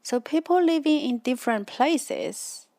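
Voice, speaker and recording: Slow, soft-spoken woman. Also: sits high, lively intonation, vocal fry, no echo. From China. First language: Chinese. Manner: patient, explains slowly with examples. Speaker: host. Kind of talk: educational explanation.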